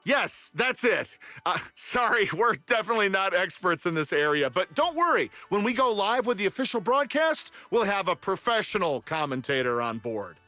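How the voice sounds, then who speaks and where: An excitable male TV director in an anime game, with a high, bright voice. He is polite and placating, always eager to please, with music behind him. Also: moderate pace, hardly any pauses, no room sound, heavily acted. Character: eager, apologetic young male beach show director.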